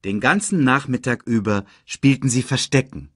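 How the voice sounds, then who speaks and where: A man narrating a children's storybook audiobook in a slow, measured reading. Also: medium pitch, expressive, a bit bright, no room sound, clean studio sound.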